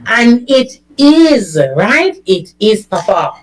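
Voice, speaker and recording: A woman, hosting a casual chat show, slow and animated with frequent laughter. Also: a little high, poor audio. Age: 20s. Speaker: host.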